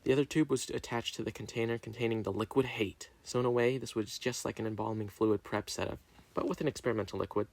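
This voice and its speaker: A man reading a story dramatically, narrating in a deliberate, theatrical way. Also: mid-range voice, fairly even intonation, gravelly, a little mellow, no echo.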